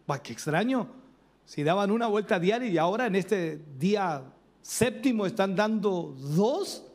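A male preacher telling a story in a sermon and speaking directly to his congregation. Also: high-pitched. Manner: animated storytelling addressing the congregation.

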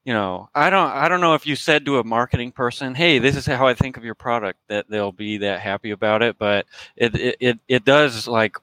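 A man's voice: medium pitch, brisk, sharp tone, no echo, rough recording. A man co-hosting a casual podcast chat, rambling and joking with lots of fillers. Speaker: crypto podcast co-host.

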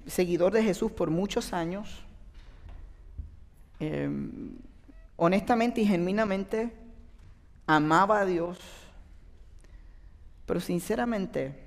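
A man's voice: sits high, creaky. A man, a youth pastor giving an earnest, confessional sermon testimony. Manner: earnest confessional storytelling, animated rises. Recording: long reverb in a large hall.

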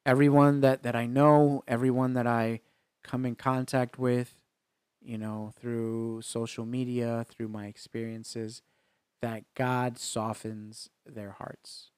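A man co-hosting a casual faith podcast, talking earnestly in halting phrases with frequent restarts. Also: mid-range voice, little pitch movement, darkish tone, smooth, dry recording. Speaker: podcast co-host.

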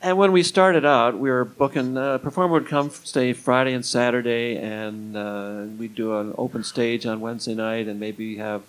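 The retired music club booker talks with hardly any pauses, his medium-pitched voice fairly even in intonation and moderate in pace. As an older interview guest, he tells rambling anecdotes full of quoted dialogue. The recording is low quality.

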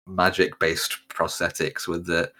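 A man's voice: low voice, level tone, measured pace, sharp tone. A man co-hosting a podcast in casual chat, rambling with lots of fillers. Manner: rambling, lots of likes and ums. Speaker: podcast co-host.

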